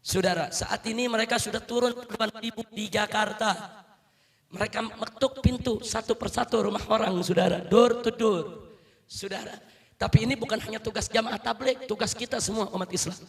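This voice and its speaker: High-pitched man preaching a fiery sermon. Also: fairly quick, creaky. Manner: rousing, repeats "saudara", calls for takbir and crowd responses. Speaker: Islamic preacher. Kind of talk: fiery political sermon to a rally crowd.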